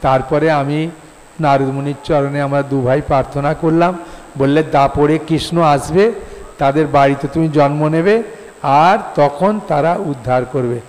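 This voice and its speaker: A man giving a devotional sermon, telling a story with lively acted-out voices for the people in it. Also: a little slow. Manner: animated storyteller, acting out quoted voices with rising pitch. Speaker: preacher. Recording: long hall reverb.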